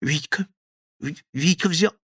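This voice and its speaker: A man voicing a terrified petty thief who babbles and begs in a high, gravelly voice. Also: big pitch swings, normal speed, a bit bright, dry recording, studio quality, exaggerated voice. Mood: pleading. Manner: frantic, babbling, begging.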